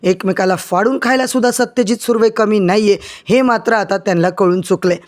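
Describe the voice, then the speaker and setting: A man's voice: high voice, a little fast. A man narrating a TV serial recap in a dramatic style, often calling out to the audience.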